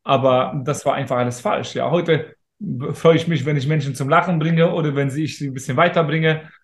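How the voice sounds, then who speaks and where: A man's voice: a little high, fairly even intonation, brisk. A man in his thirties, an interview guest talking in a casual, emphatic and motivational way. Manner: emphatic, motivational, talks straight to listeners. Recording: roomy echo.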